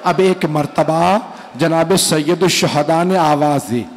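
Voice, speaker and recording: Male orator, high voice, slow mourning recitation, faint room ambience behind. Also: a little hiss or hum. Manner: emotional, addresses audience directly, rises to cries. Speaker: majlis orator.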